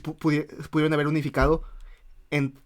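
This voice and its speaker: A man's voice: on the high side, level tone, brisk. A man with a Mexican accent, co-hosting a casual podcast chat and often restarting his sentences as he thinks aloud. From northern Mexico. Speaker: podcast co-host.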